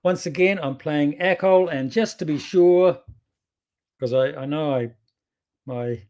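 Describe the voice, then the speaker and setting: A man's voice: fairly high pitch, unhurried, darkish tone. A man with a strong New Zealand accent gives casual game commentary, thinking aloud in an informal, rambling way and often correcting himself. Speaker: bridge player presenting his own videos.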